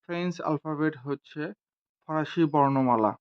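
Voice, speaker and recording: A man teaching a beginner lesson slowly and deliberately, spelling out letters one by one. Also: on the high side, clean tone, highs cut off. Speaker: French teacher. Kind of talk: slow, measured language lesson.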